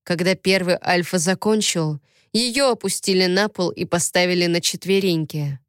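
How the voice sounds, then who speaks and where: A woman reading a story aloud as narrator, in a steady, even manner. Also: on the low side, moderate pace, smooth, dry recording, clean studio sound. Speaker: audiobook narrator. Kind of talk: scripted narration.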